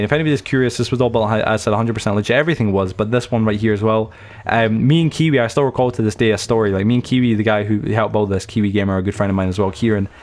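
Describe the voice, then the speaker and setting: A young man talks quickly through a let's-play tour of his game world. His voice sits low, and he rambles from story to story with plenty of fillers and restarts. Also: darkish tone. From United Kingdom. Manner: chatty, anecdotal, many fillers and restarts. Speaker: gaming channel host.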